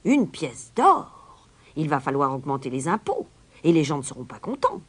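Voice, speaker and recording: A woman's voice: low-pitched, very animated, moderate pace, breathy edge, heavily acted. A woman voicing a worried male town councillor in a storybook reading, speaking in a fretful hurry.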